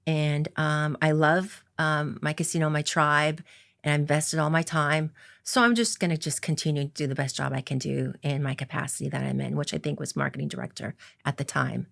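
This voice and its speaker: A middle-aged woman speaks low in her register with a gravelly fry running through her words. She tells her story as an interview guest, earnest and reflective, pausing on filler ums as she thinks. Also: steady tone. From Coeur d'Alene reservation, Idaho, US. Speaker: interview guest, casino executive.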